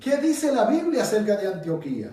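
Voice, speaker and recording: A Dominican Bible teacher speaks in a high, very animated, fairly quick voice with a warm tone, heard from afar in an echoey room. Using a Dominican Spanish accent, he conducts an interactive study, asking the group questions and pressing his points emphatically.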